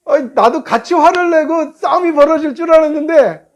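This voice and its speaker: A male pastor giving a sermon, telling a road-rage story in an animated way and acting out both drivers. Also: very high voice, a little fast.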